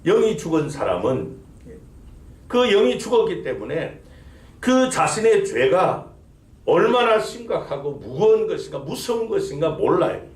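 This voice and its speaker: A man's voice: on the high side, sing-song, measured pace, darkish tone. A male pastor preaching a sermon, building emphasis and asking the congregation rhetorical questions. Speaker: senior pastor. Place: church sanctuary. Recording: echoey church sanctuary.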